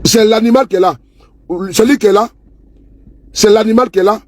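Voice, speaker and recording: A man's voice: high-pitched, steady tone, brisk, darkish tone, a little hiss or hum. A man giving casual, scornful political commentary to camera, repeating himself and asking viewers if they see. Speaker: political vlogger. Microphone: phone or camera he handles himself.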